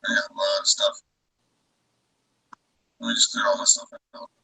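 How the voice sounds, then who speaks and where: A man's voice: very high-pitched, normal speed, no echo. Man sounding muffled through a wall. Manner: opinionated, animated. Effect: muffled, as if talking through a wall or from a hole. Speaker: podcast co-host. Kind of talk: casual sports chat. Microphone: phone mic. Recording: muffled distant phone audio.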